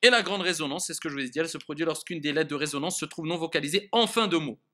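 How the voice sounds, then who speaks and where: A man teaching a recitation lesson, his voice fairly high and bright, with a clear, forward ring. He explains patiently, sounds out each example himself and keeps checking that his class follows. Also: rapid-fire. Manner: patient, checks understanding often, demonstrates sounds aloud.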